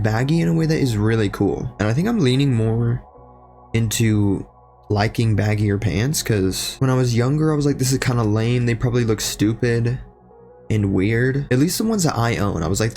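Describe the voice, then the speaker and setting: A man's voice: fairly low pitch, vocal fry, darkish tone. A young man with a slightly strained voice, rambling casually and self-deprecatingly at home in his basement, swearing freely and losing his train of thought. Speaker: streamer and video creator.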